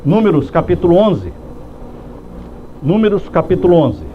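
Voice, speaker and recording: High-voiced pastor preaching with emphatic pauses. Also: male voice, animated. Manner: preaching slowly with emphatic pauses, acting out heartfelt prayers. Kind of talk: sermon. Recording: dull lo-fi sound with faint background noise.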